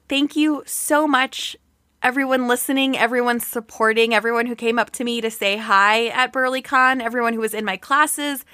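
A woman's voice: a little high, fairly bright tone, no room sound, clean studio sound. A woman hosting a podcast, effusive and grateful, often repeating her words for emphasis as she signs off and makes announcements. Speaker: podcast host. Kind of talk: heartfelt podcast sign-off and announcements.

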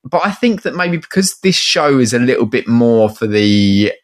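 A man's voice: medium pitch, sing-song, normal speed. A man with an Essex accent chatting casually and colloquially, telling anecdotes in a matey way. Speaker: guest, toy collector. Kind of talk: casual chat.

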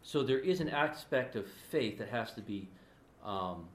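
A man's voice: mid-range voice, expressive, unhurried, slight background noise. A man co-hosting a casual theological discussion, explaining earnestly with frequent restarts. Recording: roomy echo.

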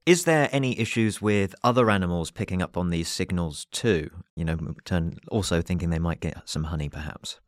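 A man co-hosting a podcast asks curious follow-up questions and restarts a few of them as he talks. His voice is very deep, recorded close and dry. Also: fairly quick, hardly any pauses, no echo. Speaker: podcast co-host. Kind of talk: interview questions.

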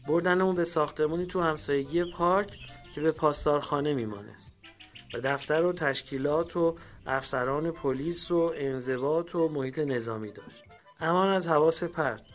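A man narrating a literary memoir in a measured, storytelling reading. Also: on the high side. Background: faint background music.

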